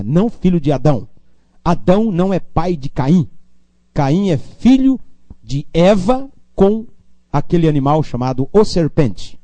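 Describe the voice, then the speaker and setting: A man from Brazil preaching a sermon as a pastor, calling for amens and swinging between low asides and loud appeals. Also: dry recording.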